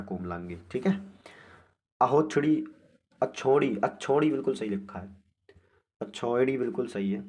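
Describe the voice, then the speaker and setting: Casting note: male teacher, lowish voice, repeats words as he goes through exam practice spellings. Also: a little mellow. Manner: repetitive, drills each word aloud. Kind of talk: exam-prep spelling lesson.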